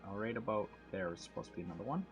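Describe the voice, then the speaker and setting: A man chats on a gameplay livestream through a headset mic. His voice sits low with a gravelly edge, and his pitch jumps around lively as he thinks aloud over glitches. Faint game music plays underneath. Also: very fast. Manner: thinks aloud while troubleshooting, greets chat. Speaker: streamer. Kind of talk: casual gameplay livestream chat.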